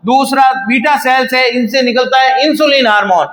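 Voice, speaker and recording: A high-pitched man with a bright, ringing voice teaches from a whiteboard. He asks the class questions and answers them himself, and he stretches out key to drill them in. His throat sounds a little sore, and the room around him is echoey. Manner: repeats key terms slowly for emphasis. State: slightly sore throat, clears it now and then. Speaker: paramedical teacher. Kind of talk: classroom lecture on video.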